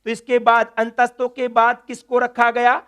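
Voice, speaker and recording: A man's voice: very high voice, monotone, moderate pace, sharp tone, smooth. A man teaching Sanskrit grammar in a classroom lecture, drilling letters one by one and answering his own questions.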